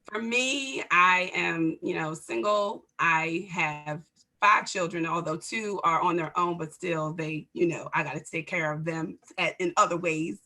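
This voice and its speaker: A woman in her forties speaks earnestly on a church video call, sharing her faith struggles in a bright, forceful voice. Her tone is heartfelt and direct. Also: on the low side, a little slow. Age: 40s. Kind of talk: personal testimony in group chat.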